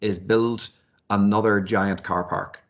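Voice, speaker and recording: Being interviewed, a male university lecturer and researcher gives hesitant, thoughtful answers, repeating words as he thinks his ideas through. He speaks a little slowly in a lowish voice with fairly even intonation, and the highs are cut off.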